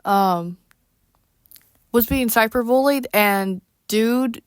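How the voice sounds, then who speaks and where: Slow-talking, weary woman venting. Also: fairly high pitch, clean tone, no room sound, studio quality. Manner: weary, exasperated, halting with pauses. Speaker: online creator addressing viewers. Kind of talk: casual unscripted rant.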